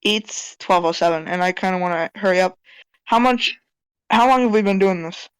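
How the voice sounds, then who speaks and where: A woman co-hosting a casual podcast chat, animated and blunt, swearing freely. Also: mid-range voice, moderate pace, clean tone, dry recording, poor audio. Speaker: podcast co-host.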